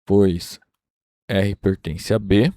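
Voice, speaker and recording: A man's voice: on the low side, fairly even intonation, drawn-out words, dark tone, no echo. A Brazilian man teaching a university math class, working through a proof step by step and checking in with his students. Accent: Brazilian Portuguese.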